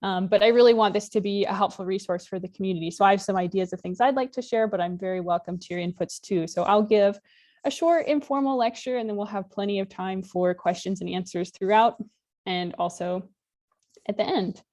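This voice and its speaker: A woman in her thirties from Alaska, United States, delivers an informal online lecture over a video call, friendly and conversational with occasional fillers. Her mid-range voice is brisk with a darkish tone, picked up by a laptop webcam mic in a home room with a virtual background.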